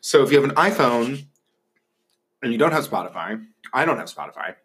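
A young man hosts a relaxed podcast, chatting over food. His talk is loose and filled with fillers and quick laughs. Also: mid-range voice. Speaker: podcast host. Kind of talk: casual chat while eating.

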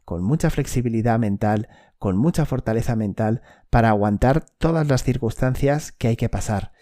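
A man with a medium-pitched, warm voice coaches athletes on the mental game, talking straight to the listener. Each point gets an "okay?" as he checks that it landed.

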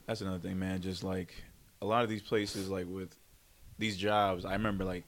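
A man's voice: low-pitched, flat delivery, moderate pace. A man co-hosting a podcast in casual chat, laid-back and swearing freely as he talks. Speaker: podcast co-host.

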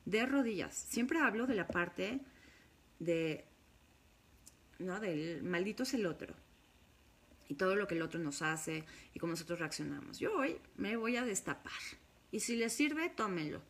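Husky, impassioned Mexican woman. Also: lowish voice, animated, measured pace. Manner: impassioned, emphatic, frank. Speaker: spiritual course leader. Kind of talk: confessional monologue to viewers.

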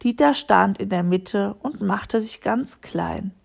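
A woman calmly narrating a children's storybook chapter. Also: mid-range voice, slow pace, vocal fry, breathy edge. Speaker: audiobook reader.

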